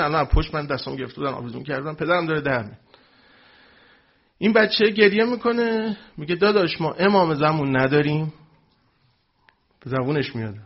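A man with a somewhat high, husky voice spins an anecdote for a gathered audience. He tells it with animation and briefly puts on the voices of the people he quotes. The recording is dull and lo-fi. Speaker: speaker telling a religious anecdote to an audience. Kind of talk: spoken storytelling to a live audience.

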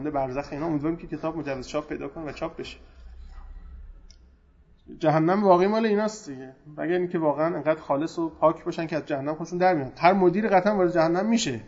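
Male religious lecturer, slightly high, casual but emphatic delivery, muffled recording. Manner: conversational, emphatic, swings loud and soft. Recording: dull lo-fi recording.

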